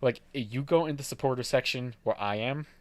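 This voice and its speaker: A man's voice: medium pitch, a little fast, darkish tone, no room sound. A young man co-hosting a podcast, chatting casually, rambling, swearing and laughing often. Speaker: podcast co-host. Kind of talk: casual chat.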